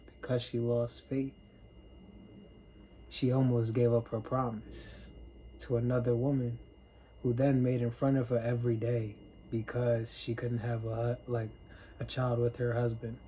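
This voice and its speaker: A man casually retelling a Bible story as a sermon, in plain everyday speech and clearing his throat now and then. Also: medium pitch, flat delivery, unhurried, mellow, a little hiss or hum, rough recording. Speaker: preacher.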